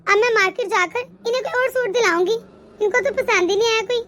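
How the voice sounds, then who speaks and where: A woman's voice: very high-pitched, quick pace, a bit bright. A woman voicing a rich sister-in-law who is cold to her poorer relatives, speaking sweetly but condescendingly. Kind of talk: cartoon voice acting.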